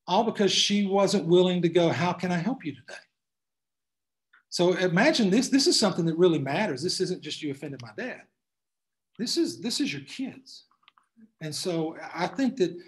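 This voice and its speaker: Folksy man with a raised voice. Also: high-pitched. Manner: folksy, emphatic storytelling. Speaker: class speaker. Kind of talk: answering questions in a class.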